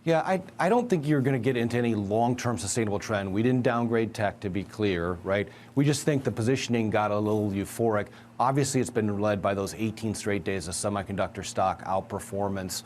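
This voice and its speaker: Man, low voice, analytical market guest, measured delivery, faint background hiss. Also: darkish tone. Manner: measured, analytical, emphatic asides. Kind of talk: financial news interview.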